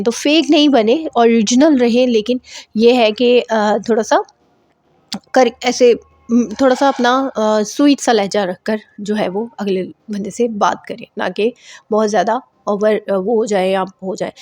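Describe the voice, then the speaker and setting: A woman's voice: on the high side, a little mellow, no room sound. A woman vlogger giving casual advice to camera, chatty and repetitive, dropping in English words. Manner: chatty, repeats herself, mixes in English words.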